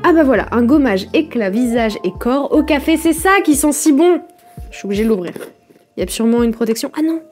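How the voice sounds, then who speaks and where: A young woman in a casual unboxing vlog, enthusiastic and quick to giggle. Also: high voice, expressive, darkish tone, soft background music. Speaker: vlogger.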